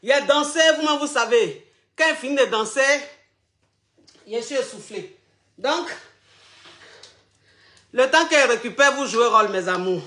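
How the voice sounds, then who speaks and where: A man's voice: very high voice, lively intonation, measured pace, pauses often, pushed and bright. A man hosting a playful online chat show, out of breath, teasing and laughing with his viewers. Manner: flamboyant, teasing, laughs often, calls viewers "my loves".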